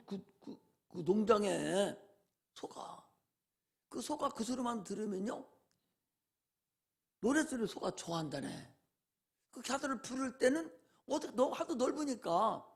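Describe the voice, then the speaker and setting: A man's voice: very high voice, creaky. A male pastor preaching a sermon in a folksy way, often asking rhetorical questions.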